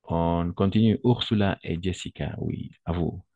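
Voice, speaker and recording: A man's voice: low voice, measured pace, gravelly, warm tone, no echo, dull audio. A man teaching French in an online lesson, patiently repeating words and correcting pronunciation.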